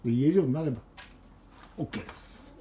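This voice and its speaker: A man talking casually to the camera about his pet pigeon, switching to rough, coaxing talk when he speaks to the bird. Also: mid-range voice, expressive, fast talker, warm tone, slight background noise. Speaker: pigeon keeper.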